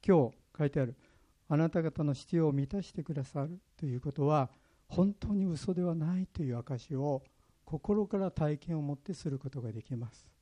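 A man's voice: fairly high pitch, moderate pace, mellow, dull audio. A pastor from Kyushu, Japan, preaching a sermon in an earnest way, sharing his own stories. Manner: earnest, personal storytelling.

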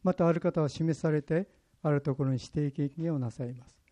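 A pastor from Kyushu, Japan, preaches a sermon earnestly, weaving in stories from his own life. His voice is mellow and on the high side, and he speaks briskly.

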